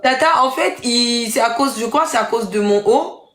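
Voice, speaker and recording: A woman's voice: fairly high pitch, moderate pace, fairly bright tone. A woman chatting casually in French with the odd English word mixed in. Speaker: participant in a live online matchmaking chat. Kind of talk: casual chat. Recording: echoey room with background noise.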